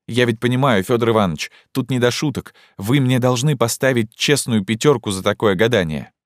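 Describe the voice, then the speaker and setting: Guy doing a lovesick young woman in an audiobook, high pleading voice, intense, dry close mic. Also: brisk, no echo, natural voice. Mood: urgent, pleading. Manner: pleading, intense, breathless questioning. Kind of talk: audiobook character voicing.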